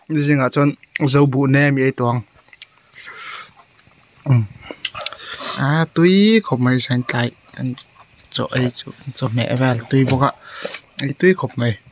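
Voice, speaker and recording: A man's voice: mid-range voice, slow pace, long pauses, background noise. A man chatting casually and laughing often while out hunting rats. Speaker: rat hunter. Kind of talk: casual chat outdoors.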